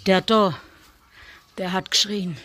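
A woman, chatting casually for a family vlog as she talks to her animals and sometimes drops into soft muttering. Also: mid-range voice, steady tone, slow pace. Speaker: family vlogger. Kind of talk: casual vlog chat while looking after rabbits.

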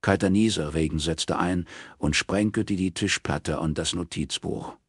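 A man reading a crime novel aloud in calm, measured scripted narration. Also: low-pitched, slightly rough, no echo, studio quality. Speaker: audiobook reader.

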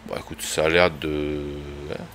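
A man's voice: very deep voice, little pitch movement, unhurried, a bit bright, a little hiss or hum. A man streaming a video game live, chatting casually, swearing now and then and greeting viewers as he plays. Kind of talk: casual live gameplay commentary.

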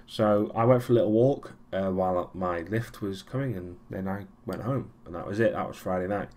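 A man's voice: low voice, normal speed, a little mellow. A young man giving a casual weekly vlog recap, rambling with many ums and restarts and a dry, sarcastic streak. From Europe. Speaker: vlogger.

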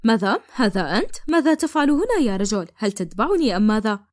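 A woman voicing an earnest young man in love in an animated cartoon. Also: fairly high pitch, fast, no echo, studio quality. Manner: earnest, pleading. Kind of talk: cartoon dubbing in formal Arabic.

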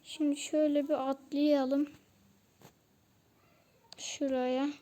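High, slow-talking mellow gameplay commentator. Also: level tone. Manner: chatty, talks to viewers while playing, grumbles about weapons. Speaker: mobile game player and channel host.

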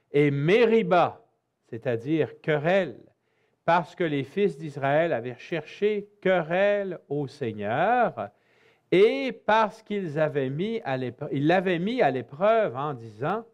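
A man's voice: on the high side, expressive, slow, lo-fi sound. A male priest with a Canadian French accent preaching a sermon in a church, emphatic with folksy asides to his listeners. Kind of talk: sermon on scripture.

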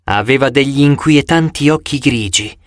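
A man narrating a first-person audiobook in an expressive storytelling manner, recorded close in a studio. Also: medium pitch, normal speed, no room sound.

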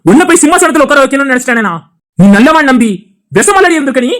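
A woman's voice: high voice, animated, rapid-fire, a bit bright. Woman voicing a furious scolding husband. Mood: angry scolding. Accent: Tirunelveli Tamil. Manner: scolding, insulting, heated. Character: angry loyal husband defending his brother. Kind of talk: cartoon dialogue acting.

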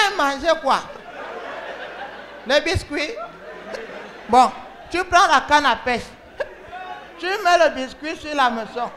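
A woman with a Cameroonian French accent playing an excitable, scolding female emergency call operator in a comedy sketch, talking to callers on the phone. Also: sits high, a little hiss or hum, full character voice. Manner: scolding, excitable, often laughing and shouting. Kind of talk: comic sketch, one side of phone calls.

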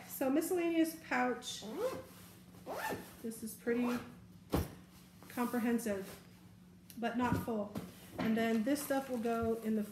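A woman's voice: on the high side, a little mellow, echoey room, slight background noise. A woman in her forties chatting casually on camera while she unpacks a bag at home, thinking aloud. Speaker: vlogger. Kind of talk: casual what's-in-my-bag chat. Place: bedroom at home, indoors.

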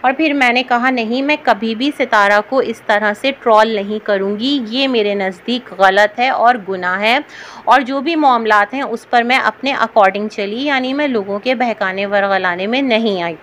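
A woman giving chatty, opinionated commentary in a reaction vlog, often pausing on hesitant fillers. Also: a little high, a bit bright, slight background noise.

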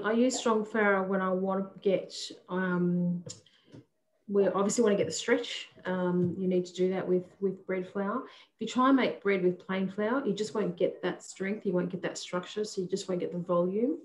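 A woman's voice: medium pitch, steady tone, normal speed. A woman in casual chat, answering viewer questions with friendly explanations full of ums. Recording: roomy sound.

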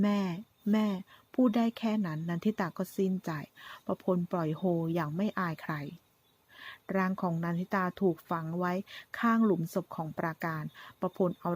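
A woman narrating a recap of a drama in steady, even storytelling. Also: lowish voice.

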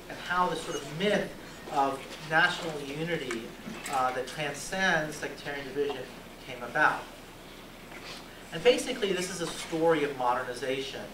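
A middle-aged man with a slightly high voice gives a measured academic lecture, adding "uh" fillers and asking "right?" to check with listeners. He speaks into a handheld mic in a lecture room. The sound is roomy and distant, with clear background noise. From born in Egypt, raised in Georgia, USA. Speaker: guest lecturer.

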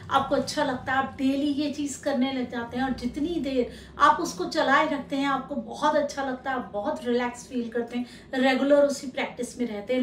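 A woman spiritual teacher talks calmly straight to the listener, giving steady advice. Her voice sits high. It rings in an echoey room with a faint hum behind it. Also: far from the mic. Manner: calm, advising, addresses the listener directly. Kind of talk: instructional talk to camera. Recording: echoey room, voice a little off-mic.

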